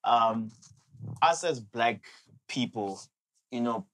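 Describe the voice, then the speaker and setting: Podcast host, man, thirties, medium pitch, casual and sympathetic, feeling his way through questions. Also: animated, takes it slowly, fairly bright tone. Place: indoor lounge-style podcast set. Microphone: podcast microphone on a boom arm.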